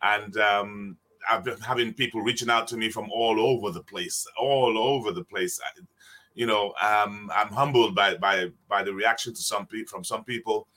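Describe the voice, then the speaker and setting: A man's voice: lowish voice, fairly even intonation, normal speed, sharp tone. A man in his sixties, guest on an interview podcast, telling stories and often laughing as he talks. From England. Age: 60s. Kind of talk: casual interview.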